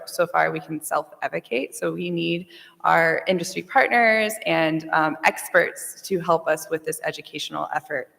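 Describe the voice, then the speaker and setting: A woman's voice: low voice, creaky, fairly bright tone. A woman speaking as a panelist, explaining earnestly in a large echoey room. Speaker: utility representative on a panel. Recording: echoey hall with long reverb.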